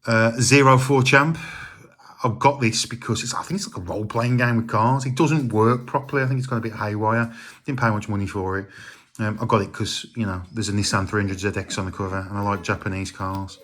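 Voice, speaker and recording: A man's voice: lowish voice, brisk. A middle-aged man, chatting casually about his retro game collection with lots of ums and uhs. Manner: relaxed, rambling, many ums and uhs.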